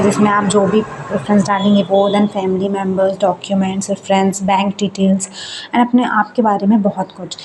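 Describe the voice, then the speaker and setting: A woman's voice: medium pitch, background noise. Young woman casually explaining a form. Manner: reads English form text slowly, then explains it in Hindi. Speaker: student vlogger.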